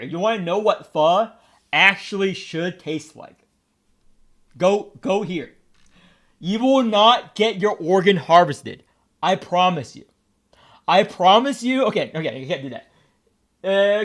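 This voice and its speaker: A young American man with a high-pitched, fairly bright voice chats casually on a stream. He's brash and joking, crude and provocative.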